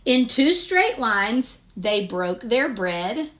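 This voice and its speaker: A woman with a high, bright voice reads a storybook to young children. She takes it slowly and expressively, shaping each phrase with care. Now and then she speaks directly to her listeners. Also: sing-song. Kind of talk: picture-book read-aloud with questions to young listeners.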